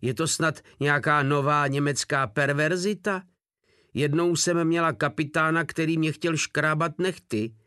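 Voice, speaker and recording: A man's voice: on the high side, steady tone, sharp tone, clean tone, no room sound, clean studio sound, pitched above the performer's own voice. A man doing a brash young woman. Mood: indignant.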